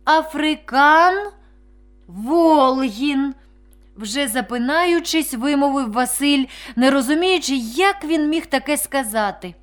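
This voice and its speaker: A woman reading children's stories aloud in an expressive, unhurried storytelling manner. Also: high voice.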